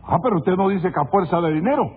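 A raspy, exasperated Cuban judge. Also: male voice, sits high, lively intonation, fast, full character voice. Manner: stern questioning, easily exasperated. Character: exasperated male courtroom judge. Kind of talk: 1950s radio comedy acting. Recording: tinny old radio recording.

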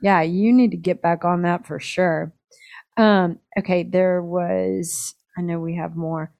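A woman co-hosting a podcast in casual chat, talkative and quick to laugh, often restarting her sentences. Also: lowish voice, steady tone, gravelly, darkish tone. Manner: chatty, laughs easily, trails off and restarts. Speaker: podcast co-host.

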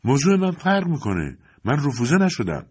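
A man with a husky voice voicing a proud, frustrated Italian teenage boy in an audiobook, pushing out indignant, pleading outbursts. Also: on the low side, lightly acted. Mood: insistent. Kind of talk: audiobook character voice.

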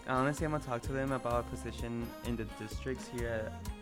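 A woman's voice: rumbling low, fairly even intonation, fast, over music. A young woman chatting on a podcast as a guest, hesitant and full of fillers. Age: young adult. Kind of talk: casual chat.

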